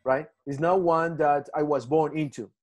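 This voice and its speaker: A man's voice: on the high side, fairly even intonation, normal speed. A man from Ecuador with a Spanish accent, teaching a Bible class on a video call, earnest and full of restarts. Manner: earnest, repetitive, frequent restarts and "right?" checks.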